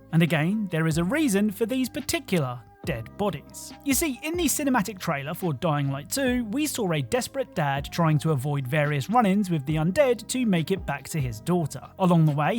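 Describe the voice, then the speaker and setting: A host narrating a scripted video game countdown with wry, joking asides. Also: mid-range voice.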